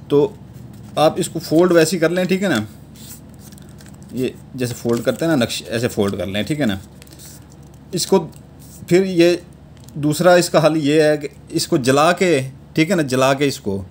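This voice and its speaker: A man with a Pakistani Urdu accent calmly teaching how to draw a charm step by step, checking in with a repeated tag after each step. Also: a little high. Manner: unhurried, repeats a verbal tic after nearly every step. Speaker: amulet-making teacher. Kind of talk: step-by-step instructional talk.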